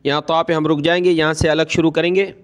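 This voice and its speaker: A man with a Pakistani Urdu accent teaching Quran reading, drawing out each recited word slowly and breaking it into letters and vowel marks, with quicker spoken explanations in between. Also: a little high, level tone, smooth. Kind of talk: spelled-out recitation lesson.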